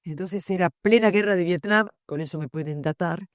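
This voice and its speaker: In a clean studio recording with no echo, an older woman with a lowish voice and an Argentine Spanish accent speaks fairly quickly. Giving a public book presentation in a university lecture room, she's reflective and digressive, full of anecdotes.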